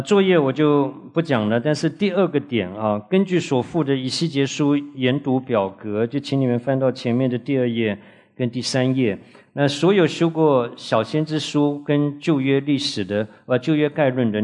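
A man teaching a Bible class to a live audience, with frequent drawn-out "ah" fillers and questions put to the class. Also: mid-range voice, a little mellow.

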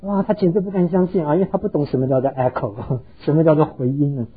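A man's voice: on the high side, fairly even intonation, fast, husky, narrow, tinny audio. A pastor preaching a sermon, earnestly telling stories and slipping English words into his talk. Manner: earnest, heartfelt storytelling.

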